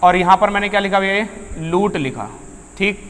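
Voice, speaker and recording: Guy teaching grammar, kinda high voice, keeps asking the class stuff then answering it, echoey room. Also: little pitch movement, very fast, fairly bright tone, a little hiss or hum. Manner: asks students questions and answers them himself; addresses students as beta and bhaiya. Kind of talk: classroom lecture.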